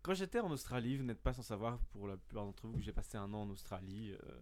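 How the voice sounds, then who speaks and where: A man's voice: lowish voice, big pitch swings, fast, a little mellow. A young man, a podcast guest, telling a self-mocking story in casual chat, full of hesitations and fillers.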